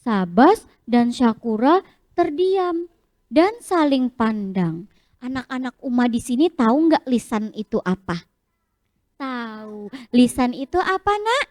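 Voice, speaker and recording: A woman telling a story to young children as their host, animated and often asking them questions. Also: a little high, takes it slowly, dry recording, studio quality.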